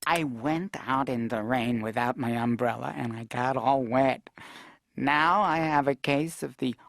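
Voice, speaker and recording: An actor voicing a gentle male penguin who has a cold, sneezing and fussy. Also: mid-range voice, measured pace, gravelly, dry recording, studio quality. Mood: sniffly. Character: gentle male penguin friend, sick and sniffly. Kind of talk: cartoon voice acting.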